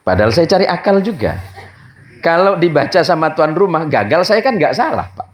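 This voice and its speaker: Older preacher joking, echoey hall. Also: male voice, on the high side, a little fast. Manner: jokey, lively, mixes in regional dialect. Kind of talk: humorous sermon storytelling.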